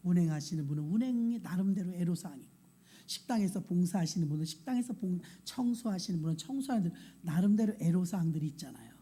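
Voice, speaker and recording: Dark-voiced woman pastor preaching. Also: lowish voice, lively intonation, quick pace, husky. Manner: conversational preaching with acted quotes and laughs. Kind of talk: sermon. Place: church sanctuary.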